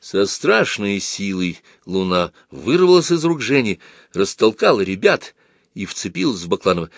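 A man with a low voice reads a storybook aloud, his tone moving a lot as he tells it. The sound is dry and close, with no room echo. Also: normal speed. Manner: expressive, lively storytelling. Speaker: narrator. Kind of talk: storybook reading.

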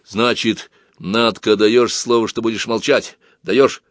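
A determined teenage boy laying out his plan with earnest, emphatic persuasion, as a male narrator plays him. His voice sits a little above the reader's own low register. The recording is close and dry. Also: steady tone, takes it slowly, dry recording. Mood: secretive.

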